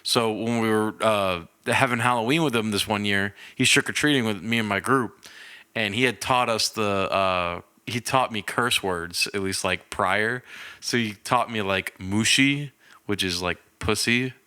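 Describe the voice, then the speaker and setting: A man's voice: fairly low pitch, normal speed, pushed and bright, clear, resonant tone. A young man co-hosting a podcast, telling a story in casual chat and laughing through it. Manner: laughs through his stories. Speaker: podcast co-host.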